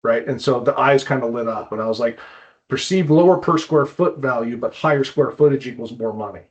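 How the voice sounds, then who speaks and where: As a guest expert on climbing walls in a casual interview, this man talks in a halting, conversational way, often doubling back on his own words. He has a mid-range voice, and the recording sounds somewhat dull and lo-fi.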